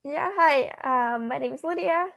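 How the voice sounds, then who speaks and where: High, gravelly young woman from Austria. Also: a little slow, a bit bright, no echo, studio quality. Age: young adult. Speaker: youth council member. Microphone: video call.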